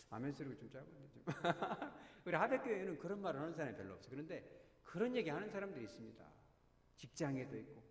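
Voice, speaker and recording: A man, a pastor, preaching a sermon to his congregation, often asking them questions and acting out the voices of people in the story. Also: fairly high pitch. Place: church sanctuary. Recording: echoey church hall.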